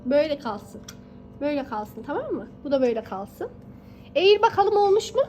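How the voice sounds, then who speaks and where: Very animated and a little fast, a young mother with a high, slightly mellow voice casually encourages her small child while they bake. She leans on pet names and repeats phrases affectionately.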